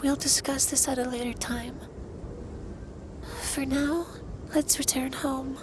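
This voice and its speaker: Speaking in a very high-pitched, level tone, a man takes on the role of an androgynous male dragon centuries old, acting as a stern but tender lover for an intimate ASMR roleplay. His scripted monologue to the listener is formal, earnest and carefully phrased, firm yet caring, with clear background noise and ambience audible.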